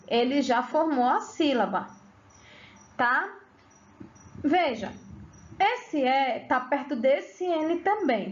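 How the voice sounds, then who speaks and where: High-voiced, lively teacher woman. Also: lo-fi sound. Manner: lively, asks questions to students and answers herself. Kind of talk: online grammar lesson.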